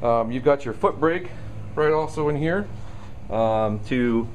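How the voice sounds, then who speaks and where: A man's voice: medium pitch, lively intonation, a little slow, darkish tone, a little hiss or hum. A man giving a casual product walkaround demo of a machine in a store showroom, talking loosely with many ums and uhs. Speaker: equipment salesman.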